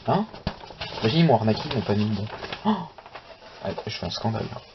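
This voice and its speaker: A young man hosting a manga channel who chats casually while flipping through a magazine. He rambles, talks to himself and swears lightly, and the recording is slightly dull with a steady hiss. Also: on the low side, quick pace. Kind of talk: casual unboxing chat.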